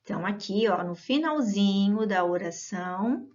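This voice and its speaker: A woman's voice: mid-range voice, expressive, normal speed, a little mellow. A woman gives a patient grammar lesson and keeps checking that her students follow. Her voice sits in a middle range. The audio is a little dull and lo-fi. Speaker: Portuguese teacher.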